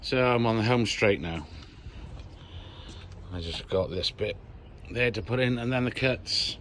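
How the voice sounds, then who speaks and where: A man's voice: lowish voice, unhurried, fairly bright tone, a little hiss or hum. Chatty tradesman vlogging outdoors. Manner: chatty, jokey, talks to camera while working. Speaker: patio installer filming his work. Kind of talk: casual work vlog. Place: outdoor garden patio.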